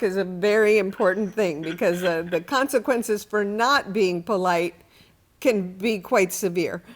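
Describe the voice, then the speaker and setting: Slow, deliberate woman book show host. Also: medium pitch. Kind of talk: book discussion and word lesson.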